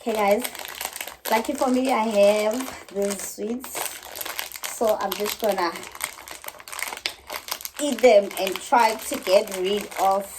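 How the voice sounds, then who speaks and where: Slow-talking South African woman vlogger. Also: medium pitch, steady tone, noisy background. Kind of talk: casual vlog chat to viewers.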